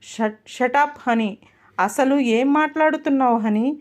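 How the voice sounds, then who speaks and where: A woman's voice: high voice, measured pace. A woman reading a storybook voices an angry, jealous young man who talks sharply and sarcastically.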